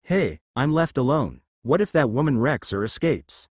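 A man's voice: medium pitch, very animated, normal speed, darkish tone, no room sound. Timid young male sharpshooter, man reading, nervous, stammering, dry close sound.

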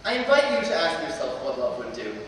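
Speaking quickly in a medium-pitched, sing-song, slightly bright voice, a late-teen graduate gives an earnest commencement address laced with wry humor. He stands at a lectern in a large auditorium, and the distant stand-mic recording of the echoey hall has a little hiss or hum.

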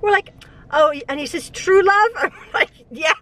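A middle-aged mother who vlogs chats casually to her phone camera from a parked car, rambling, often restarting and laughing. Her voice is extremely high and fairly bright, at normal speed, with the phone held at arm's length.

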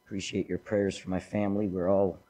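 A man preaching a sermon as pastor, his voice going from the flu, unhurried with pauses. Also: sits low, level tone, mellow. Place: church.

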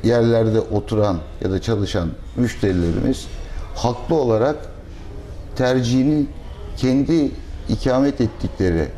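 A middle-aged man, a restaurant owner, answering interview questions in a measured, thoughtful way with pauses and fillers, recorded on a lapel mic in a restaurant dining room. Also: mid-range voice, mellow, slight background noise.

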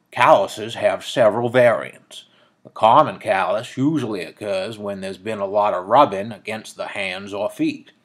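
A man with a Downeast Maine accent reading an article aloud in a folksy manner. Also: fairly low pitch.

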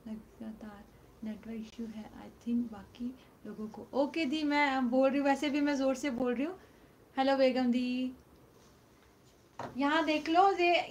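A middle-aged woman selling used silk sarees on a live stream from home, speaking loudly into her phone and repeating the prices. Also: sits high, slight background noise. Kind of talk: live-stream sales chat. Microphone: phone mic, no external microphone.

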